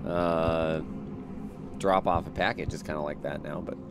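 A man's voice: rumbling low, steady tone, measured pace, noisy background. A young man from Florida chatting casually as a streamer, rambling and trailing off with fillers. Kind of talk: casual chat.

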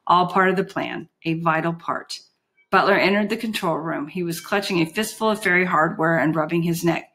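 A woman reading a fantasy novel aloud, steady and measured, her voice sitting a touch low. She moves through the story with even pacing and the odd slip. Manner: steady, measured, occasional slips. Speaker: audiobook narrator. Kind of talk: storybook narration.

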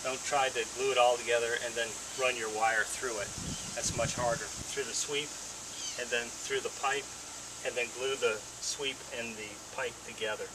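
The recording, from slightly distant camera audio, has background noise and faint ambience as a middle-aged man demonstrates wiring a solar setup. A DIY instructor with a medium-pitched voice and moderate pace, he explains each step plainly and in a relaxed way while working, outdoors by a house and then in an indoor workshop.

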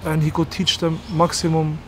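A man in his thirties hosting a casual interview and gym review, talking in an energetic, emphatic way. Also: fairly high pitch, normal speed, heavy background noise. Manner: energetic, emphatic, animated with hand gestures. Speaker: host. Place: open-air boxing gym, then outdoor garden.

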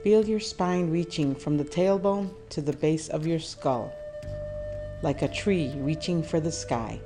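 Over clearly present music, a meditation guide speaks in a low female register. Each phrase is calm, soothing, and measured, separated by intentional pauses.

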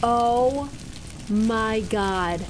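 A woman's voice: on the high side, drawn-out words. A woman in her thirties giving casual, jumpy, exclamatory commentary as co-host of a horror game playthrough on a headset mic. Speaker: gaming co-host. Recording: loud game noise behind voice.

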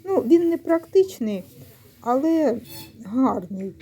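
Taking it slowly, a middle-aged woman with a high-sitting, dark, slightly rough voice and big pitch swings vlogs casually about secondhand clothes. She's indoors in a secondhand shop, explaining each item unhurriedly and correcting herself mid-word.

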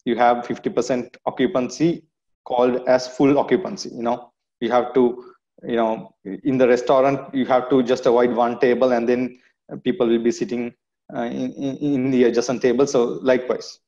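A man with a Sri Lankan English accent, an analyst on a video call panel, speaking in a measured way with many fillers. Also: medium pitch, flat delivery, mellow. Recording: muffled video call audio.

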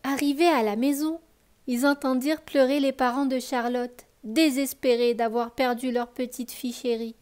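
A woman reading a children's picture book aloud, telling it expressively for young listeners and then softly asking them questions. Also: sits high. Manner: expressive, slow storytelling for children; soft, gentle address to the child listener. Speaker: children's storyteller.

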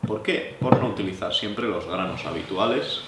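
Low-voiced Spanish man teaching in an echoey room. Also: moderate pace, heavy background noise. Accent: Spanish from Spain. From La Mancha, Spain. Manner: relaxed, explanatory, chatty asides. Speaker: knife sharpening instructor. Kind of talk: hands-on tutorial, addressing viewers. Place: living room, seated at wooden table.

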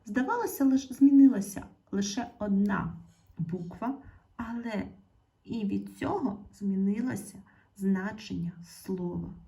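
Mellow-voiced woman teaching a school lesson. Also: mid-range voice. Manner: clear, slow dictation of example words, addresses children. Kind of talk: online video lesson.

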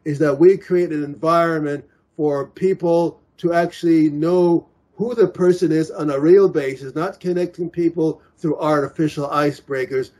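A man's voice: a little high, steady tone, normal speed, few pauses, dark tone. A man in his forties organizing singles events, talking in a casual video call with many restarts and fillers. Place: small room indoors. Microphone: laptop webcam on video call.

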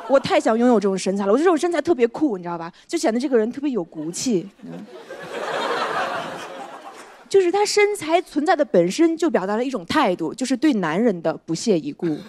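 A woman performing a stand-up comedy set on a studio stage, talking conversationally with deadpan punchlines and often asking the audience "you know?". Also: a little high, a little fast, slight background noise. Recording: stage mic with loud audience laughter.

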